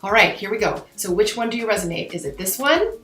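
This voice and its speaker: A woman with a mid-pitched voice gives a casual card reading in the manner of a fortune teller. She talks straight to her viewers in chatty, mystical new-age language. The room is noticeably echoey, with faint music. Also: lively intonation, fast, a bit bright. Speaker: tarot and oracle card reader hosting her own channel.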